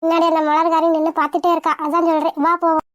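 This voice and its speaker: A woman's voice: very high voice, completely flat delivery, rapid-fire, pitched below the performer's own voice. A woman voicing a scheming, jealous mother in a cartoon, spiteful and sneering.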